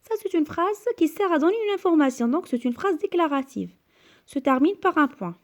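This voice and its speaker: Woman, teacher, high pitch, deliberate classroom delivery, exaggerated question intonation. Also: lively intonation. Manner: slow and deliberate, repeating and translating each sentence. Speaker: French teacher. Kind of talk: classroom grammar lesson.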